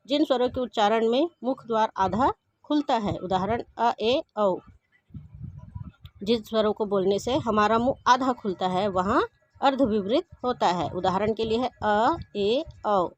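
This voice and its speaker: A woman teaching a Hindi grammar lesson, explaining each point slowly and restating it in simpler words. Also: a little high, dry recording. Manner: slow, methodical, repeats each point. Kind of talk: explaining grammar over slides.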